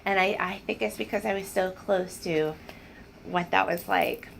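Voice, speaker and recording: A woman's voice: mid-range voice, moderate pace, vocal fry, a little hiss or hum, poor audio. A woman telling personal stories in an earnest, emotional way, often restarting her sentences. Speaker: spiritual speaker sharing personal stories. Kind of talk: casual personal storytelling.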